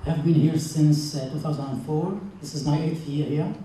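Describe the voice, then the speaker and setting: A church member, a man in his thirties whose native language is Arabic and who has a Lebanese accent, gives an earnest, halting testimony to a congregation in a large indoor church hall. His voice is a little high and mellow. The distant mic picks up heavy church echo and faint noise.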